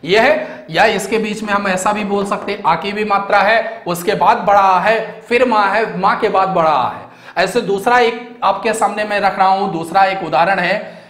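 Male tutor, high voice, patient step-by-step explainer, recorded in a reverberant room. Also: moderate pace, fairly bright tone. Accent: Hindi, North Indian. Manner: explanatory, repeats key words, asks and answers own questions. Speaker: teacher. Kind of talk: exam-prep grammar lecture.

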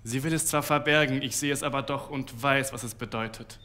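A man giving a dramatic literary reading, intense and building to shouted outbursts. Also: mid-range voice, steady tone, fairly quick, faint music behind. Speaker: reader.

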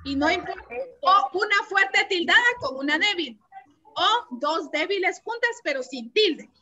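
A woman's voice: very high voice, lively intonation, measured pace, bright, forceful tone, highs cut off. A woman teacher giving an online lesson to a class, patiently explaining and asking the students questions. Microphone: computer mic on a video call.

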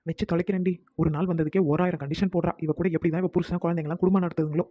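Woman doing a grumbling, sharp-tongued cartoon neighbor. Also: on the low side, steady tone, rapid-fire, dry recording, studio quality, natural voice. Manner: grumbles and mutters complaints to herself. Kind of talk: cartoon comedy voice acting.

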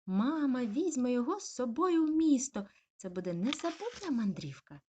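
A woman's voice: a little high, sing-song, moderate pace, darkish tone, slight background noise, pitched above the performer's own voice. A woman voicing an eager little male corgi puppy who calls out and pleads.

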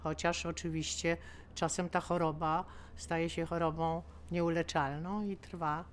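A woman's voice: lowish voice, little pitch movement, a little slow, a little hiss or hum. Older woman talking reflectively. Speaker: poet. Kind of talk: reflective interview talk.

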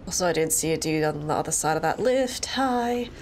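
A woman's voice: sits low, animated, fairly quick, a little hiss or hum. A woman with a congested, stuffy voice, casually commenting while she plays a game, chatting to enemies and laughing along the way. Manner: chatty, talks to enemies on screen, laughs often. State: congested from a cold. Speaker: gaming channel host. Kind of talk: let's play commentary.

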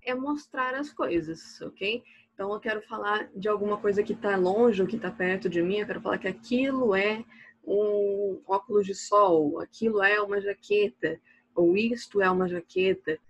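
A Brazilian woman teaches a recorded English lesson for children, walking through slides slowly and clearly. Her voice is soft and a little breathy, at a middle pitch. The sound is close and dry. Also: no echo, dull audio. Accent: Brazilian Portuguese. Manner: patient, slow and clear, asks "ok?" after each point. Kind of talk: recorded online class explaining slides.

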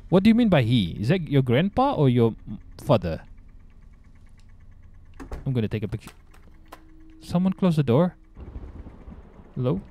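A man's voice: medium pitch, big pitch swings, normal speed, long pauses, warm tone. A young man with a Bruneian Malay accent, giving casual, scared live commentary on a horror game and repeating himself. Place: small indoor room with webcam.

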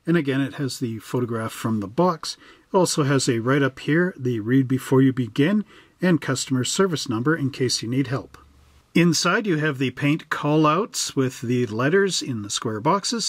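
With no room sound around his mid-range voice, a middle-aged man hosts a model kit channel from western Canada. He chats informally and folksily during a casual hobby walkthrough covering unboxing and instructions.

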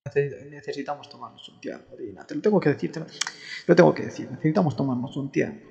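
Gravelly man ranting in a reverberant hall. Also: a little high, fast talker. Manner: rambling, exasperated, stammering restarts. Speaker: comedian. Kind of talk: absurd comic monologue. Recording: dull sound in a long-reverb room with soft guitar.

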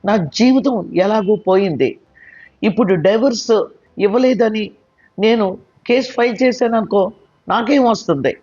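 A man voicing a bitter, wounded young wife who snaps and shouts, in a storybook reading. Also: high voice, expressive, a little slow, pauses often, husky, full character voice. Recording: dull lo-fi with faint music.

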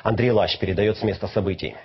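Male newsreader, thirties, slightly low husky voice, scripted delivery, muffled broadcast copy. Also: fairly even intonation, quick pace. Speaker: news anchor. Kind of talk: scripted news reading. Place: TV news studio.

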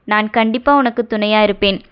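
A woman voicing a caring, older-sister friend who coaxes and gently scolds, read in an audio novel. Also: mid-range voice, steady tone, brisk, clear, resonant tone, natural voice. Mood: coaxing. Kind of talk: audio novel character reading. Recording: dull lo-fi recording.

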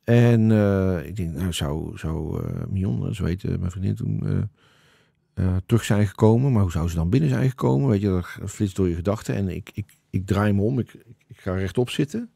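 A man hosting a podcast, in casual chat, telling a story in a halting, searching way. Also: sits low, gravelly, dark tone, slightly rough, dry recording, studio quality. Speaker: podcast host.

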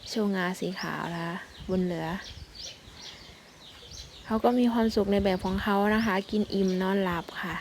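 Give me a woman, talking in a friendly, polite way while filming her elephants outdoors on a phone. She keeps up a casual running commentary. Clear background noise from outside sits behind her voice. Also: medium pitch, steady tone, measured pace, pauses often. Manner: polite, chatty, often coos at the elephants. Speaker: elephant keeper filming a vlog. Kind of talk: casual narration to camera. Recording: noisy outdoor recording.

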